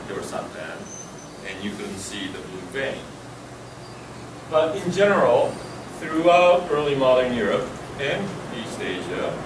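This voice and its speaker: A man giving a university lecture in a measured, emphatic way, building points through lists. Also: a little high. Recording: echoey room, distant mic, air conditioning hum.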